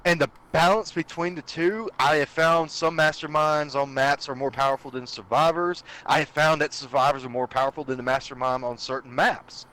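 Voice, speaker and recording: A man's voice: on the high side, fairly even intonation, moderate pace, few pauses, fairly bright tone, rough recording. A man guesting on a casual podcast, talking eagerly and explaining things at length. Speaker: guest streamer.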